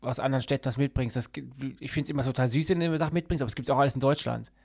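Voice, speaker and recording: A man's voice: medium pitch, racing, crowd noise. A young man hosting a podcast in casual chat, teasing his co-host and reading listener mail aloud.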